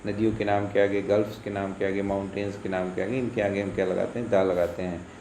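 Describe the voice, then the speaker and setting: Male teacher, patient question-and-answer manner, lowish pitch, roomy echo. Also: flat delivery, fast talker, warm tone. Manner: patient, asks and answers his own questions, repeats "ठीक है". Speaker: school English teacher. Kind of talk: grammar lesson explained in Hindi. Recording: echoey room with faint insect noise.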